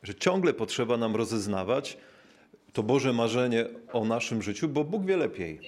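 With a medium-pitched, darkish voice full of big pitch swings, a man preaches reflectively and without hurry. He draws out key words for emphasis and fills searching pauses with small sounds.

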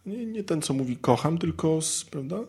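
Chatty man with a slightly high voice. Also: expressive, moderate pace, warm tone, slightly rough. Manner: conversational, peppers sentences with tag questions; humorous, acts out little scenes. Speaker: speaker addressing men about marriage. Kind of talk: informal talk to an audience.

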